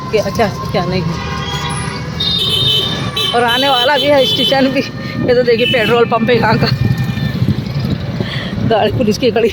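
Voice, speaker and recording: A woman's voice: fairly high pitch, heavy background noise. A middle-aged woman, chatting casually to her vlog viewers and often thanking God. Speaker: vlogger. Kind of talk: casual vlog chat to camera.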